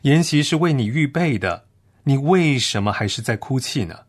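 A man voicing a loving, gentle father in a parable, speaking tenderly. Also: medium pitch, lively intonation, normal speed, natural voice. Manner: tender, soothing.

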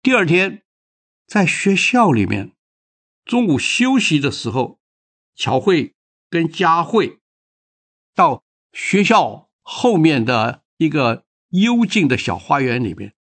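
A man reading a children's story aloud with expressive, dramatic narration. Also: a little high, slow pace.

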